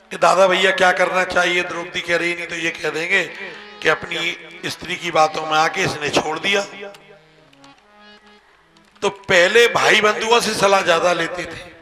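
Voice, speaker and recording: A man telling scripture stories in a devotional sermon, weaving in verses. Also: sits high. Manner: storytelling, chanting scripture verses. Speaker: religious storyteller. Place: live religious festival gathering. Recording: live sermon with music behind. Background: devotional music.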